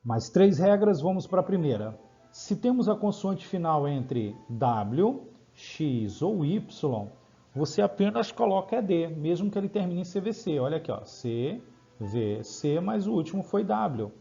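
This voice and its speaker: A Brazilian man teaching English grammar in Portuguese, explaining rules step by step and checking in with quick questions. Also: on the high side, lively intonation, vocal fry, dark tone, highs cut off, soft background music. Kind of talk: grammar lesson over slides.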